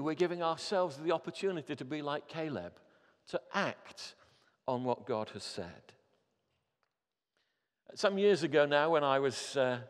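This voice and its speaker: A man in his fifties preaching a sermon as a pastor, earnest and building to emphatic appeals. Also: on the high side. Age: 50s. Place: church hall. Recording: long hall reverb.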